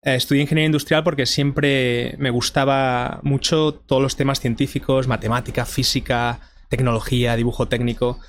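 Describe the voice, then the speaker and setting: A man's voice: medium pitch, flat delivery, brisk, hardly any pauses. Young man, Madrid accent, interview guest, explanatory and restart-prone, faint background noise. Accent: Madrid Spanish. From Spain. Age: young adult. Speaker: guest, fusion physicist. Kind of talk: casual interview.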